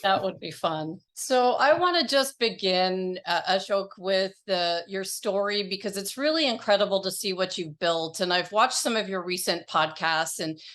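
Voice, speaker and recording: A woman podcast host, born in England, reading a scripted introduction and then interviewing a guest in a measured, enthusiastic manner. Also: mid-range voice, lively intonation, fairly bright tone.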